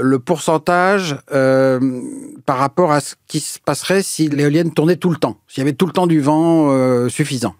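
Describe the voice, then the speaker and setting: A man's voice: medium pitch, no echo, clean studio sound. A man answering interview questions as an energy expert, explaining at length with frequent hesitations and fillers. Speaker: energy researcher, guest.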